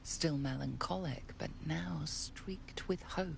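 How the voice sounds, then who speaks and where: A woman giving measured, atmospheric scripted narration for a game. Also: low voice, gravelly, a little hiss or hum, exaggerated voice. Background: game music.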